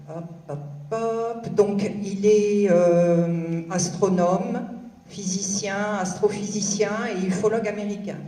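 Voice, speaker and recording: A French woman giving a live lecture to an audience, loud and unused to the microphone, full of hesitant fillers. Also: medium pitch. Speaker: conference speaker, association investigator. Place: lecture hall. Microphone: handheld or stand microphone. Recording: echoey hall.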